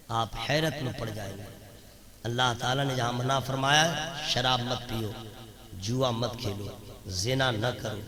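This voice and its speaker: A man giving a religious sermon at a public gathering, swinging from loud chanted lines to quick conversational asides and mimicked voices. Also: mid-range voice. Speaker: religious speaker. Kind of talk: Urdu religious sermon to a crowd. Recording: crowd noise behind. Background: crowd.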